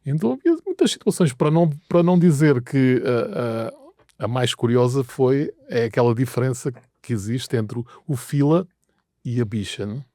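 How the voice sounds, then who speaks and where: A man's voice: mid-range voice, animated, moderate pace, warm tone, no echo, studio quality. A middle-aged man from Portugal with a European Portuguese accent, telling wry stories as an interview guest, with hesitant restarts. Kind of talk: anecdotal interview answers.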